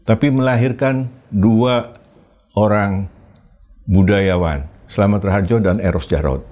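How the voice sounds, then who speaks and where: A man from Indonesia hosting an interview, asking calm questions and murmuring agreement. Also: lowish voice, slow, lo-fi sound. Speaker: interview host. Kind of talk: interview conversation.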